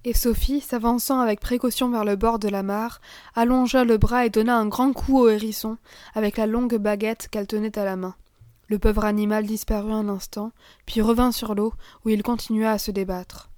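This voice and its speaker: A woman narrating a children's story in an expressive, clear reading. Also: on the high side, moderate pace, no room sound, clean studio sound.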